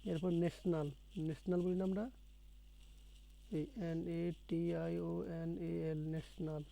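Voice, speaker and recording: A man's voice: on the high side, flat delivery, slow, creaky, dark tone, low-quality recording. A man teaching a one-on-one spoken English lesson, patiently repeating words and quizzing his student.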